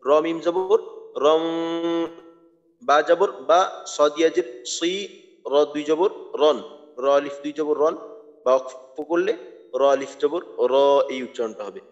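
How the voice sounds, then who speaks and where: Man teaching recitation, slow and deliberate. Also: fairly high pitch, faint music behind. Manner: slow, deliberate, drawn-out spelling of sounds. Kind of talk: tajweed lesson, spelling out letters and vowels. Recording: dull lo-fi sound with long reverb.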